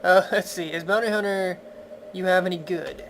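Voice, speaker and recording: A man's voice: high voice, moderate pace, vocal fry, fairly bright tone, slight background noise. A man giving casual let's-play commentary in a chatty, playful, wry way. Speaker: video game commentator. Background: game music.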